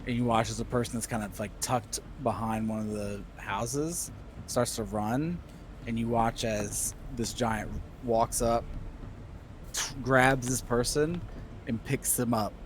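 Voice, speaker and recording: A man narrates a tabletop game as game master at a slow pace. He improvises, stopping and restarting mid-phrase. Faint noise sits behind his mid-pitched voice. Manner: halting, pausing mid-phrase.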